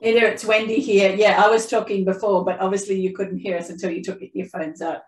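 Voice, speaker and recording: A woman's voice: medium pitch, flat delivery, fairly quick. A woman business owner explaining her product earnestly and casually on an online group call. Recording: roomy, echoing call audio.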